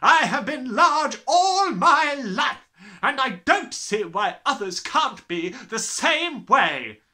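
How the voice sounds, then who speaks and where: A man's voice: very high-pitched, very animated, takes it slowly, sharp tone, voice pushed up, exaggerated voice. A man voicing a huge, bullying, furious headmistress from a storybook, barking and bellowing with contempt. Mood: scornful, snapping. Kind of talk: storybook character reading.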